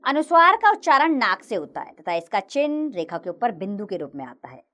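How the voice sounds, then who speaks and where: Female teacher voice for a kids' lesson, clear and slow, with lively pitch. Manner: slow, clear recitation of letters with lively sing-song rises and falls. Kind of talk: children's grammar lesson narration.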